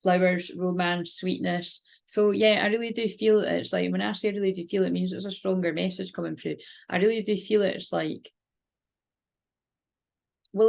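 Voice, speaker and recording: A woman's voice: medium pitch, vocal fry, a little mellow. A woman gives a spiritual card reading in a rambling, informal way, moving between chat and guided relaxation. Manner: rambling, informal, interrupts herself. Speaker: tarot and oracle card reader.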